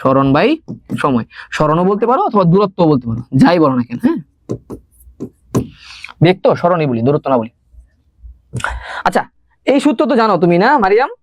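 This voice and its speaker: A young man teaching a live online science class, talking fast and chatty and mixing in English words. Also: high-pitched, sing-song, no room sound.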